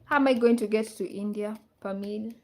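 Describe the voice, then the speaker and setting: A Kenyan woman hosts a casual livestream, chatting with viewers at a fairly quick pace in a medium-pitched voice. She reads their comments aloud and asks her audience questions twice over.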